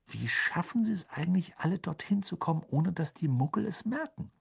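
A man voicing a curious teenage boy who asks questions softly. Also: on the high side, animated, a little fast, creaky, breathy edge, voice pushed up, full character voice.

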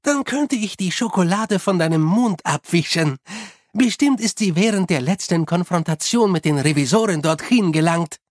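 A woman's voice: lowish voice, expressive, moderate pace, hardly any pauses, a little mellow, dry recording, clean studio sound. An audiobook narrator voicing a flustered, diplomatic young woman with a raised, anxious voice. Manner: anxious, over-polite.

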